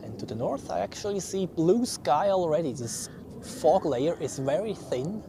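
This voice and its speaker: Beside an airport runway, a Swiss man whose first language is Swiss German hosts relaxed, chatty live plane-spotting commentary on arrivals and departures. His voice is a little high and his pace moderate as he thinks aloud, with a Swiss accent. Aircraft and vehicle noise fill the outdoor recording.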